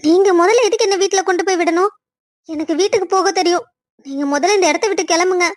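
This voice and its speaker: A woman's voice: very high-pitched, fast talker, dry recording. A woman voicing a despairing young woman in a cartoon love story who talks through tears and turns defensive. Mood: tearful. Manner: tearful, defensive.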